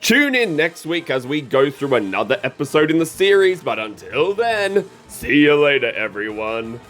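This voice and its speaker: Lively male episode-review host. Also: fairly high pitch, normal speed, faint music behind. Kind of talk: scripted narration, review.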